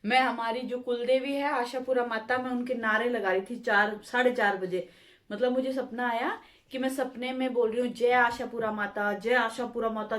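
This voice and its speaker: A middle-aged woman chatting casually to viewers in a home vlog, homely and talkative, often calling out "chaliye ji". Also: a little high. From India. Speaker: vlogger.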